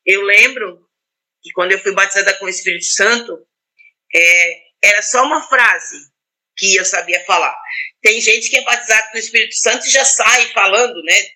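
A middle-aged woman pastor, speaking, talks about prayer in a reflective, personal way, often pausing with "né" and restarting her sentences. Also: mid-range voice, sharp tone, low-quality recording. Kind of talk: casual teaching talk on prayer.

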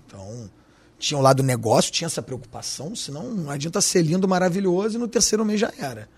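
Carioca guy, restaurant owner being interviewed, kinda high husky voice, slangy and punchy. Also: expressive, fast. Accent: Carioca Portuguese. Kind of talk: podcast interview.

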